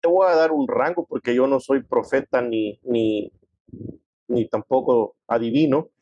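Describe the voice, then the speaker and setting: A man explaining his views in a conversational discussion, acting out quoted people with lively voices. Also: mid-range voice, unhurried, dry recording, lo-fi sound. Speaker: guest speaking on theology.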